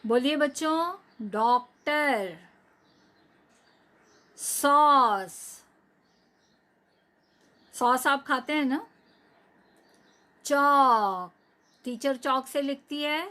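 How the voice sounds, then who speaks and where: A woman teacher giving a recorded class lesson to young children, drawing out each word slowly so they can repeat it after her. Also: high-pitched, steady tone, fairly bright tone.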